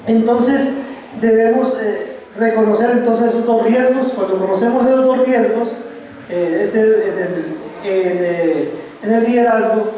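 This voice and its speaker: A man preaches in a church, his voice pitched rather high. He speaks slowly and reflectively, pausing between phrases. The sound comes from across a heavily reverberant sanctuary, with faint room noise underneath. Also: steady tone, warm tone. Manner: slow, reflective preaching with pauses. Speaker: pastor. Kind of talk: sermon. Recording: echoey church hall from far off.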